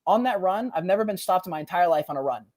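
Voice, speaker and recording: Animated young man telling a story. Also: high-pitched, fast. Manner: animated, slangy, says "bro" often, acts out quotes. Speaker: podcast guest. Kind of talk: casual storytelling.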